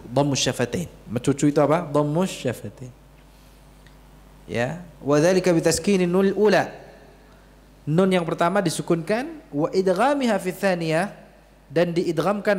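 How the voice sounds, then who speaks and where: A man teaches Quran recitation rules at an unhurried pace. He asks his students questions, has them repeat after him, and draws out Arabic words in slow chant. His voice rings with the long reverb of a mosque hall. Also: high voice. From Indonesia. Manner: chants Arabic words slowly, explains quickly. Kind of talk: tajwid lesson with call-and-response.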